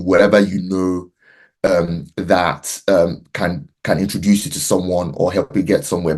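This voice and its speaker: A man on a webinar panel giving earnest, emphatic advice, restarting phrases as he goes. His voice is very deep. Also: darkish tone.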